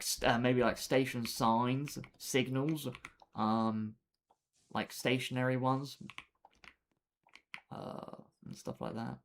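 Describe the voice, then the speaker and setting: A young man chatting casually with viewers while he plays a building game on a live stream, with lots of fillers and laughs. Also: mid-range voice. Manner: laid-back, chatty, laughs often, trails off with fillers. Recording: faint keyboard clicks behind.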